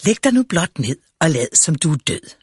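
A man doing a brisk helpful fox. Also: on the high side, sing-song, darkish tone, slightly rough, no echo, studio quality, full character voice.

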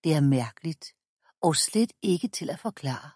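A woman reading a children's book aloud, calm and measured, announcing page numbers. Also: low-pitched, breathy edge, no echo, clean studio sound. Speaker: audiobook reader.

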